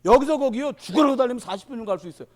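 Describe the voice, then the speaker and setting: Male pastor in his fifties preaching, high lively voice, jumps from shouts to mutters. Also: rapid-fire. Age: 50s. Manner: animated, swings from shouting to muttering asides, plays out little scenes. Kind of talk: sermon.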